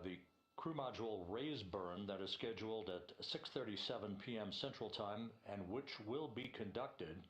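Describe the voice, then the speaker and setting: A man giving live spaceflight commentary from mission control in a measured, explanatory way. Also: fairly low pitch, fairly bright tone, echoey room.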